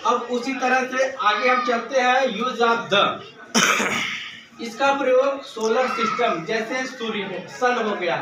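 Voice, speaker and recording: A man's voice: very high-pitched, slow. A male teacher giving a grammar lesson, asking questions and answering them himself, and calling his students "beta". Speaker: school English teacher. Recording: echoey room from far off, noisy.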